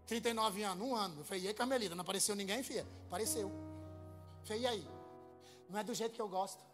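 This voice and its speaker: A man preaching with a high, light voice, mixing jokes and stories into his sermon. He talks in a lively, comic way and pushes his congregation loudly. Soft music plays faintly behind him. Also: very fast. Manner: comic, lively storytelling that rises into loud exhortation. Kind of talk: humorous sermon storytelling.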